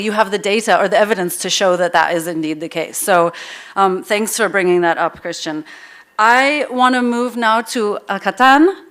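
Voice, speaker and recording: A woman's voice: mid-range voice, fairly bright tone. A woman moderating a conference panel from a lectern in a lecture hall, speaking thoughtfully and introducing the next speaker. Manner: thoughtful, measured, with "um" fillers. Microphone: lectern mic.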